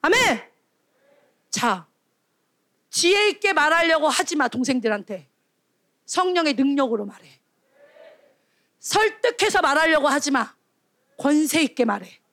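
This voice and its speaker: Animated high-voiced woman preaching to youth. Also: a little slow, pauses often, dry recording, studio quality. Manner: animated, calls out questions and acts out scolding voices. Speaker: junior preacher at a youth retreat. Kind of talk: lively sermon to children and teens.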